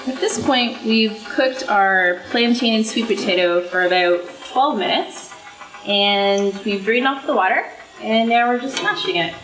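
A woman's voice: a little high, unhurried, a bit bright. A young woman presenting a casual cooking demonstration in a home kitchen, chatty and explaining each step. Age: young adult. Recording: roomy kitchen sound with faint music.

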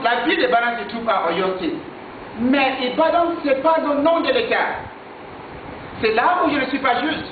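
A man's voice: very high-pitched, background noise. A man teaching French in a classroom, repeating his answers and switching between French and English. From Nigeria. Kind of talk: classroom lesson. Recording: echoey room, far from mic, tinny lo-fi.

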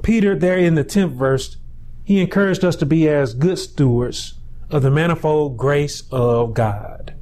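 In a small room, a pastor in his forties preaches into a lapel mic, drawing out phrases slowly before rising to shouted peaks. His pitch is fairly high.

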